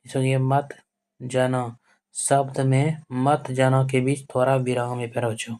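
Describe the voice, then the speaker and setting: A man's voice: mid-range voice, little pitch movement, moderate pace, darkish tone. A male teacher giving a board-exam grammar lesson. He repeats himself, calls his students dear children, asks questions and answers them himself. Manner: repetitive, keeps addressing students fondly and checking with "okay".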